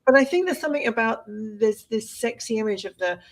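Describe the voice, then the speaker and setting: A woman from Britain co-hosting a casual podcast chat, talking in an animated way with restarts and laughs. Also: a little high, brisk, rough recording. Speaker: co-host.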